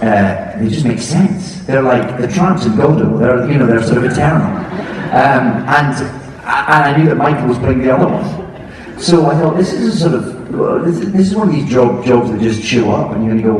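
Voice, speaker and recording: Animated man on a live panel. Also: fairly high pitch, slight background noise. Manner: animated, halting, many restarts. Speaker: actor panel guest. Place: large arena theatre with live audience. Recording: echoey arena from far off, crowd.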